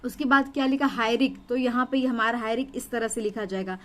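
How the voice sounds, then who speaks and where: A woman's voice: fairly high pitch, fast talker. A young adult woman teaching a stenography lesson, explaining step by step in a patient, repetitive way and often checking in with her students.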